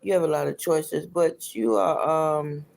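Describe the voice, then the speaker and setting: A woman's voice: low voice, a little slow, creaky, darkish tone. A middle-aged or older woman with toothless, slightly slushy articulation, chatting casually as she reads tarot on a livestream and repeating her phrases. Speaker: tarot card reader.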